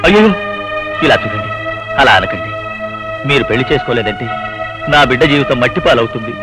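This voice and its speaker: A man's voice: medium pitch, a little fast, lightly acted. A man playing a poor father desperately begging for his daughter's marriage in a dubbed film drama. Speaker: pleading father of the bride. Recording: film soundtrack with loud music.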